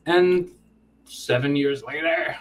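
Here the comic co-creator, a guest around thirty in a casual interview, speaks slowly in a voice on the high side while rambling and poking fun at himself. There's slight background noise.

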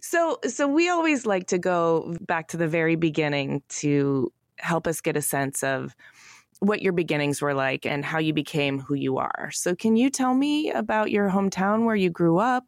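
Lower-voiced woman hosting an interview. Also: expressive, normal speed. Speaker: podcast host. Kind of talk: scripted introduction and interview questions.

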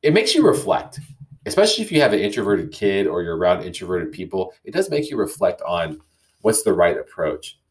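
A man with a somewhat low voice talks through his thoughts on a solo podcast. He reads listener emails aloud, then comments on them in a reflective, unhurried way, often restarting a phrase as he goes. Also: sing-song. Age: young adult or middle-aged, parent. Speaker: podcast host. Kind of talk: casual solo podcast talk.

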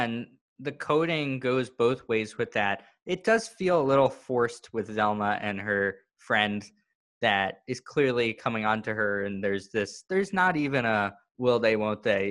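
Male podcast co-host, bright tone, chatty and analytical. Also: medium pitch. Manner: chatty, analytical, loose run-on sentences. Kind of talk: casual podcast discussion.

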